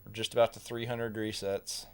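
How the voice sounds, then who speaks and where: A man's voice: on the low side, level tone, normal speed, darkish tone, clean tone. A man hosting a game livestream, chatting casually and joking with viewers and friends. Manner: laid-back, joking, chatty. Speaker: streamer.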